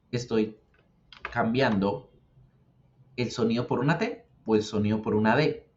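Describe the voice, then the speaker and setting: A man teaching English pronunciation as a patient teacher who repeats words slowly for the learner. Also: medium pitch. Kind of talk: explaining English grammar and pronunciation. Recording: dull lo-fi sound.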